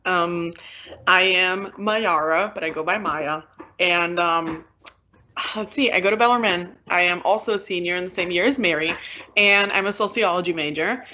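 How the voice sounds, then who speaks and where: Woman in her 20s from Brazil, candid and blunt, medium pitch, dull lo-fi sound, faint hiss. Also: pushed and bright. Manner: candid, blunt, quick to laugh at herself. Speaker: college student panelist. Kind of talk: casual film discussion.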